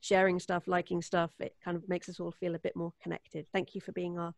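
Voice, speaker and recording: A woman with an English accent, a voice actor and podcast performer, chats casually and informally with viewers on a live stream from home during a remote group call. Her voice sits on the low side, monotone and creaky, with a brisk delivery and no echo.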